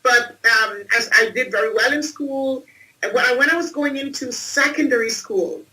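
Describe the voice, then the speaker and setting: A woman's voice: sits high, moderate pace, pushed and bright, far from the mic, low-quality recording. A woman from Trinidad and Tobago, telling her life story emphatically as an interview guest on a video call. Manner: emphatic, repeats phrases for effect. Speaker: guest, entrepreneur and speaker.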